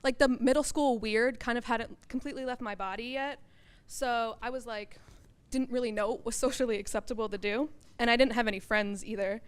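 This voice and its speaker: A woman's voice: a little high, fairly even intonation, brisk, clear, resonant tone. A young woman doing a stand-up comedy set on a college stage, blunt and self-deprecating, with casual swearing. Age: young adult.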